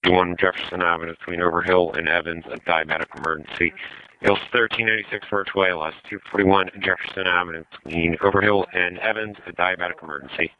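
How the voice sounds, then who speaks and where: A man's voice: deep voice, fairly even intonation, fast talker. A man reading out formulaic emergency dispatch announcements over the radio. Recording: dull radio with faint noise.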